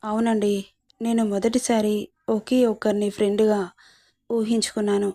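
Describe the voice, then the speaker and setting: A woman voicing a shy, hurt young bride who begs softly in a storybook reading. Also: medium pitch, little pitch movement, moderate pace, natural voice. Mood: hurt pleading.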